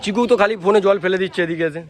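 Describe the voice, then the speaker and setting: Excited high-voiced vlogger man. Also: racing. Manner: excited, repeatedly urging viewers to look. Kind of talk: casual vlog narration. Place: outdoors at a family Holi celebration.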